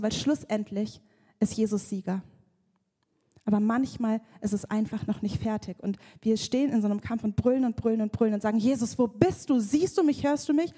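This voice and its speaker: A woman's voice: a little high, dark tone. Woman preaching in a reverberant hall. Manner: vivid storytelling, acts out prayers and a crying baby. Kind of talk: sermon. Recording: long church hall reverb.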